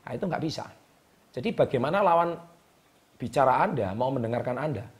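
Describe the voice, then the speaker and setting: A man hosts a motivational talk, speaking straight to the camera. His voice sits in a middle pitch, and he stresses key words and repeats them with a drawn-out "ya" between points. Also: animated. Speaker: host.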